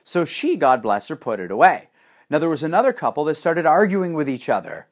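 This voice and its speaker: A man delivering a profane, sarcastic ranting monologue with animated swings in energy. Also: a little high, brisk.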